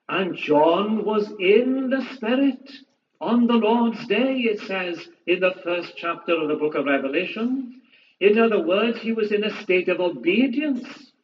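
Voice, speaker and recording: A man delivers a sermon in a notably high voice, earnest and emphatic, hammering home repeated phrases. He speaks at a slow, deliberate pace. The recording is distant and dull, with a faint hiss underneath. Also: reverberant. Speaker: preacher.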